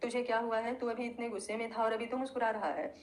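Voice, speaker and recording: A woman voicing a calm young man who soothes and reassures his friend, in a storybook reading. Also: fairly high pitch, quick pace, slight background noise, close to an everyday voice.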